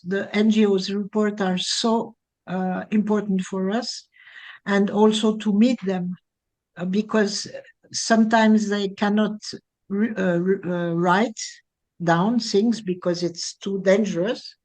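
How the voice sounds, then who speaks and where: Slow-talking woman speaker. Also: medium pitch, fairly even intonation, a little mellow. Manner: halting, many pauses and fillers, non-native phrasing. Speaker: training speaker. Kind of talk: Q&A answer at a training session.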